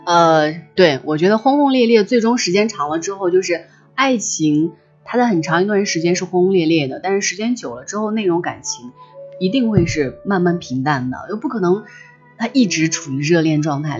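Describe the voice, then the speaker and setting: A woman's voice: fairly low pitch, lively intonation, a little fast, darkish tone, dull audio, soft background music. A woman hosting a livestream, chatting casually and reflectively and often restating her phrases. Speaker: livestream host. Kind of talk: casual reflective chat with listeners.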